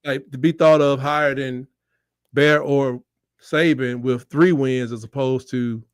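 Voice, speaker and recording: A man's voice: medium pitch, fairly even intonation, a little slow, clean tone, dry recording, clean studio sound. A man co-hosting a casual sports debate, joking in a folksy, colloquial way. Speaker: sports show co-host.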